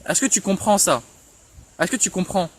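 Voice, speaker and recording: A man's voice: high-pitched, moderate pace. A man preaching in an impassioned online rebuttal, stammering and restarting his words, reproaching a rival directly with repeated questions.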